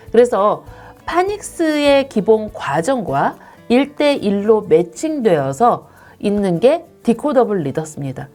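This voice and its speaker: A woman's voice: mid-range voice, a little mellow. A woman who directs an English academy, politely explaining teaching methods step by step to parents.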